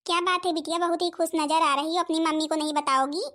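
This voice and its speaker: Cartoon saas, bossy and nagging, very high voice. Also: female voice, steady tone, fast, sharp tone. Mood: pleased. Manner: nagging, scolding. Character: scolding, stingy older mother-in-law who favours grandson. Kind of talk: cartoon comedy voice acting.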